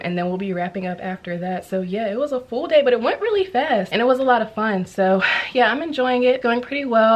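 A woman vlogging casually to camera while out of breath in a dance studio, talking in a chatty, upbeat way. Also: on the low side. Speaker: vlogger taking an instructor course. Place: pole dance studio, indoors. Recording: roomy studio, mic at a distance.

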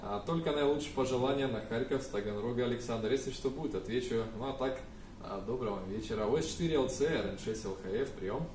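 A young man with a mid-range, somewhat dark voice talks quickly while working as an amateur radio operator, making contacts and spelling out call signs. He's in a small indoor room with a radio desk and computers. The room echoes, the mic sits at a distance, and there's faint noise.

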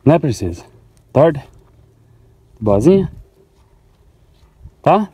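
A man's voice: on the high side, very animated, extremely slow, dark tone, breathy edge, no room sound. A man from Goiás with a Goiás Portuguese accent, vlogging casually on his farm and talking affectionately to his cows. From Goiás, Brazil. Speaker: farmer vlogger. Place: outdoors on a cattle farm.

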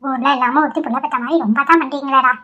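A woman's voice: high-pitched, steady tone, rapid-fire, pushed and bright, muffled recording. A woman voicing a nagging, nosy old mother. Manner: nagging, sarcastic. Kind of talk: Tamil cartoon voice acting.

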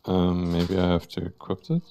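Low gravelly man thinking aloud. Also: monotone, moderate pace, soft background music. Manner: musing, quiet, thinking aloud. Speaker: gamer. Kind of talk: let's play commentary.

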